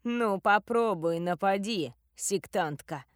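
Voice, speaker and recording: A woman's voice: fairly high pitch, animated, dry recording, close to an everyday voice. Casting: woman playing a cool, mocking young thief, dry voice. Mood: threatening. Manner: mocking, slow and deliberate when threatening. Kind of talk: audiobook character voice.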